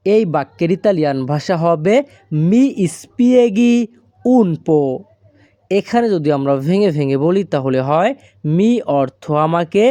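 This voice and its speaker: A Bengali-speaking teacher giving an Italian phrase lesson, saying each phrase very slowly and then breaking it into single words. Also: medium pitch, warm tone, dry recording. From Bangladesh. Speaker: language teacher.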